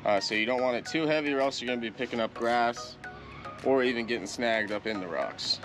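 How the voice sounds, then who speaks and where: A man's voice: medium pitch, a little fast, music in the background. A young man outdoors by a boat, giving practical fishing tips in an easygoing, casual way.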